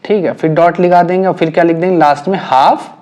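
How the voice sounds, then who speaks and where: A man's voice: on the high side, steady tone, fast, a little mellow. Patient male music teacher explaining theory. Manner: patient, repeats points and checks understanding often.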